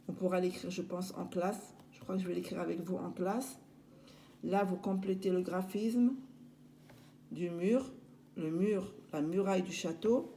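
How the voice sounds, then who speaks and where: A woman teaches children handwriting, talking them slowly through each stroke. Her voice is mellow and unhurried. A faint background noise sits under the recording. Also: mid-range voice. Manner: slow, patient, step-by-step explaining. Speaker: primary school teacher.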